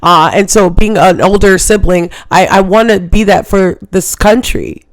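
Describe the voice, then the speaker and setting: A woman's voice: mid-range voice, fairly even intonation, moderate pace, dry recording. A woman hosting a live call-in talk show, ranting in an emphatic, rambling way and often asking if listeners understand. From Hawaii. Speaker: show host.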